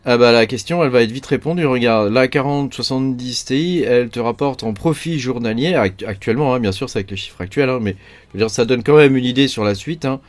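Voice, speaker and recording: A man's voice: medium pitch, fast talker. A man from France hosts a mining channel, explaining things in casual, rambling talk full of fillers. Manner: rambling, many fillers like euh, hein, quoi. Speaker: crypto mining channel host.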